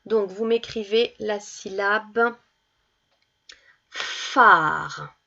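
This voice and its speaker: A woman teaching young children, reading words slowly and clearly and stressing each one as she goes through worksheet exercises. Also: mid-range voice, a bit bright, highs cut off. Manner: slow, deliberate, stresses each word. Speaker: primary school teacher.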